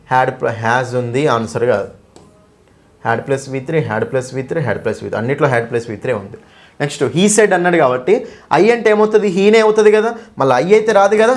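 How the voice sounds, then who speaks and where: A man teaching an exam-prep English lesson, explaining step by step and asking students questions. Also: fairly high pitch.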